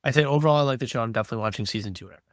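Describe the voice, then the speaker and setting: A man's voice: medium pitch, very fast, dry recording, clean studio sound. A man co-hosting a podcast, giving blunt, opinionated takes in casual chat. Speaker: podcast co-host.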